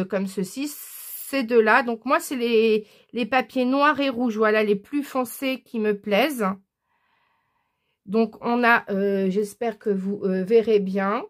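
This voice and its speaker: A woman chatting casually in a haul video, enthusiastic and hesitant, often pausing with "euh" as she shows her scrapbooking purchases. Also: high voice.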